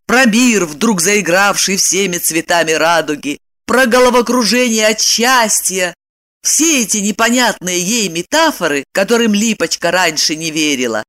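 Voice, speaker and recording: A woman narrating an audiobook in a lively, emotional storytelling manner. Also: medium pitch, dry recording.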